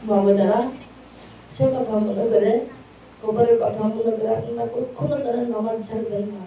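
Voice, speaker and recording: A woman's voice: on the high side, fairly even intonation, normal speed, creaky, dark tone, highs cut off. A woman preacher delivering an emotional sermon in a tearful, sing-song chanting style at a religious gathering. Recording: echoey, distant mic, noisy.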